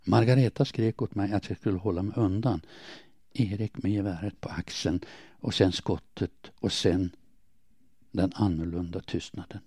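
A man reading a first-person diary aloud in a quiet, measured, somber way. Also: low-pitched, steady tone, husky, no room sound, studio quality. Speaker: audiobook narrator.

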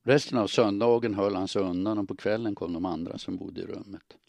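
A man narrating an audiobook in a calm, steady storytelling manner. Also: deep voice, creaky, dry recording.

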